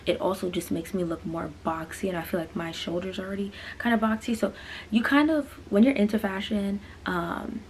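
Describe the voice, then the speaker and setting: A woman's voice: mid-range voice, steady tone, brisk, a little hiss or hum. A twenty-year-old woman rambling casually through a clothing try-on haul, full of fillers and asides, filmed in a small bedroom. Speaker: fashion vlogger. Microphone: camera on a stand, mid-distance.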